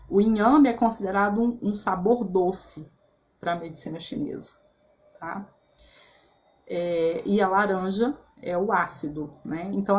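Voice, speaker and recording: A holistic therapist explains the link between food and emotions in a chatty, conversational way, often checking in with "né?" and "tá?" and restarting her sentences. Her voice is medium-pitched, with a little hiss or hum in the recording.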